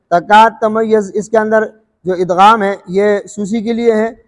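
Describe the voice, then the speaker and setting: High-voiced man teaching recitation, echoey. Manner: slow drawn-out recited examples between explanations; checks understanding with questions. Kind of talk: explaining recitation rules.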